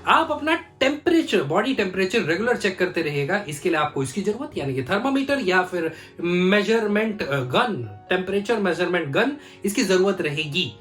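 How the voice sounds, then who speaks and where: A man's voice: high-pitched, animated, moderate pace, few pauses, a bit bright, faint music behind. A man chatting casually to his phone camera at home, mixing English phrases into his talk. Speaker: vlogger. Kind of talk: casual vlog chat to camera. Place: home room, indoors.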